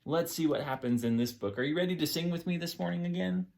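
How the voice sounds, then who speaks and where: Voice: medium pitch, fast talker, vocal fry, darkish tone. Encouraging kindergarten teacher voice, storytime presenter. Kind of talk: children's storytime, teaching, reading aloud and singing.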